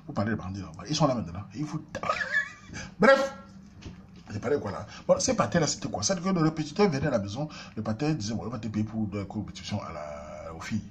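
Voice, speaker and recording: A man with a Cameroonian French accent telling a comic story, swinging between loud outbursts and low asides. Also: big pitch swings, fast, background noise. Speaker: comedian.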